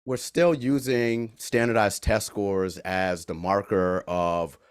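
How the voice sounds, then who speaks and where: A man on a video-call panel, his voice mid-pitched and dry, close to the mic. He talks quickly and emphatically, doubling up words as he drives his points home. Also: fairly even intonation, clear, resonant tone, no echo. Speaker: panelist, educator. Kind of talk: panel discussion remarks.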